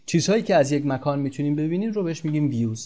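Male English teacher, vocabulary lesson; slow, careful readings of example phrases, brisk explanations in between. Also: fairly high pitch, animated, mellow. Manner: reads English phrases slowly, explains quickly in Persian.

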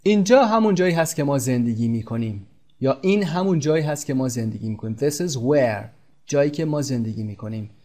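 A man teaching English vocabulary, reading example phrases slowly and explaining them quickly in Persian. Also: mid-range voice, animated, darkish tone. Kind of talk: vocabulary lesson.

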